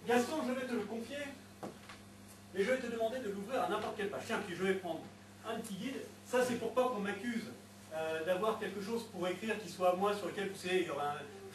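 A man's voice: high-pitched, distant mic, background noise. A man performing a mentalist act on a theatre stage, coaxing and teasing spectators with playful patter. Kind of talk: live stage patter with audience. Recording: echoey theatre recorded from afar.

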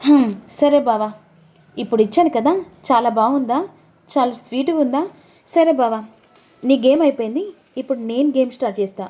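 A woman's voice: a little fast, long pauses, warm tone, lo-fi sound. A woman voicing a playful, teasing young wife in a sing-song manner. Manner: sing-song, teasing, raises her voice high.

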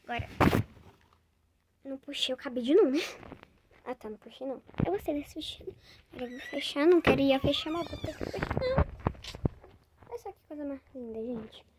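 A young woman with a Brazilian accent, chatting casually as she packs. She swings between loud exclamations and quiet muttered asides. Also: high-pitched, fairly quick, pauses often. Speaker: vlogger. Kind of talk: casual chat while packing. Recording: clear background noise, handling clicks.

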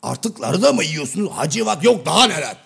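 A man voicing Karagöz, a blunt, half-deaf middle-aged male shadow-play figure who keeps mishearing and twisting his partner's words, with a gravelly, raspy voice. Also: fairly high pitch, big pitch swings, brisk, a bit bright, heavily acted. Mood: mock-innocent. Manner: mishears everything and answers with cheeky misunderstandings. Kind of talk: comic shadow-play sketch.

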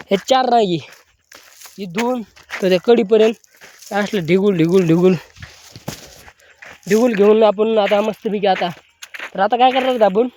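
A man's voice: high voice, darkish tone, a little hiss or hum. A young man vlogging from a farm field, chatting in a rambling, repetitive way while nursing a cold. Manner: chatty, rambling, repeats himself. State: has a cold. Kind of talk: casual farm vlog chat.

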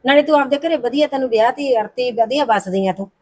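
An actress plays a middle-aged mother who keeps calming her daughter. She talks quickly and sits a little high, pleading and soothing. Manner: soothing, pleading, says "puttar" a lot. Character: soothing middle-aged mother smoothing over family quarrels. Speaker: the heroine's mother.

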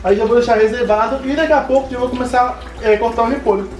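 A man's voice: extremely high pitch, fast. A young man with a Bahian accent, chatting casually and teasingly to viewers as he hosts a home cooking vlog. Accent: Bahian Brazilian Portuguese. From Bahia, Brazil. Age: young adult. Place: home kitchen, indoors.

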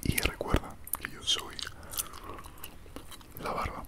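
A young man whispers casually in a breathy ASMR style right up at the microphone, chewing gum as he chats. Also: slow pace. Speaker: ASMR creator. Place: small room indoors at home. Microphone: large desktop condenser mic, very close.

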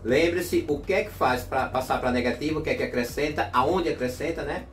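A man with a Brazilian Portuguese accent teaching a classroom lesson, slowly drilling English phrases at a board. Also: mid-range voice, fairly bright tone, roomy sound, faint music behind.

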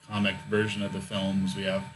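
A man hosting a podcast, asking questions in a relaxed, curious way. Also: sits low, brisk, faint music behind. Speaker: podcast host. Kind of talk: casual interview.

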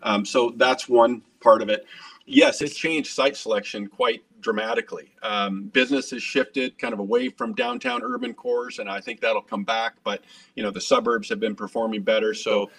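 A middle-aged man answers questions over a video call from his home office. He speaks in a fairly low voice, earnest and energetic, often repeating a word as he starts a thought. He sits a little back from the webcam mic. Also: normal speed, gravelly, distant mic. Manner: earnest, energetic, gestures while talking, repeats words. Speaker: restaurant chain executive. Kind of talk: business video interview.

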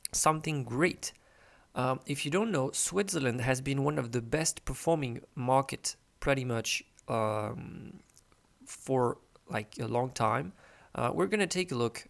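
A man hosting a finance video in a tired morning voice, his tone gravelly and full of fry. He talks casually and hesitantly, with many fillers, as he walks through stock charts. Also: mid-range voice, a bit bright. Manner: hesitant, many uh fillers, non-native phrasing. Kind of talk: casual market commentary over screen share.

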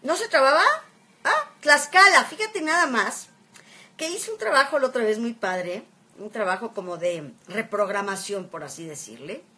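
A woman's voice: a little high, expressive, normal speed, bright, forceful tone. A woman chatting casually on a phone live-stream, reading viewer comments aloud and greeting viewers by name. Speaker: Instagram live host.

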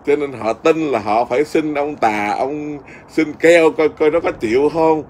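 A man's voice: a little high, measured pace, a little mellow, a little hiss or hum. A middle-aged man, a Buddhist monk with a Southern Vietnamese accent, telling a story in casual conversation with a lot of fillers and restarts. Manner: rambling, with many fillers and restarts.

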